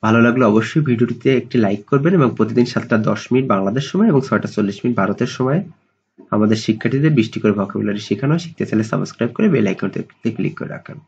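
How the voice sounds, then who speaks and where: A male English vocabulary teacher with a Bengali accent, giving a slow voice-over lesson and repeating each English word several times to stress how it is pronounced. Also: lowish voice, gravelly, darkish tone, husky, lo-fi sound.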